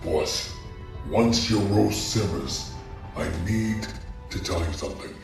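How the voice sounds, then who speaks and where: A man talking through a voice changer that makes him sound like a deep echoing robot, playing a weary henchman reporting to his boss. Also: lively intonation, takes it slowly, distant mic, soft background music, full character voice.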